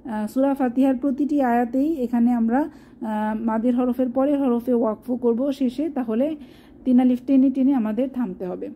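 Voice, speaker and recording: A woman teaching Quran recitation step by step, stretching out each recited word slowly before explaining it. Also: on the high side, phone-quality sound, a little hiss or hum. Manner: slow, drawn-out demonstration of recited words between explanations.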